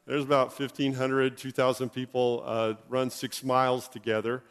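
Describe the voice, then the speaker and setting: A middle-aged male pastor telling a funny personal story in an animated, anecdotal way, chuckling as he goes. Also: medium pitch, normal speed, clean tone. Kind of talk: storytelling sermon. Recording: long reverb in a hall.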